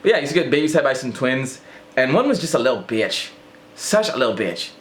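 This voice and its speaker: Rambling man with a lively, swinging voice. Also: medium pitch, quick pace. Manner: rambling, self-mocking, jumps between thoughts. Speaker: vlogger. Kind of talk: casual rant to camera.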